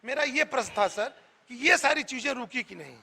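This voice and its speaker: Running a public political debate as a TV reporter, this man questions passersby in vox-pop style and keeps repeating himself to interrupt. His very high-pitched voice is brisk, creaky, pushed, and bright, with lively intonation. The sound echoes and reverberates.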